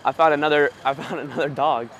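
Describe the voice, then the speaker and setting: A young man on a beach vlog, goofy and excitable, cracking jokes with friends. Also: fairly high pitch, quick pace.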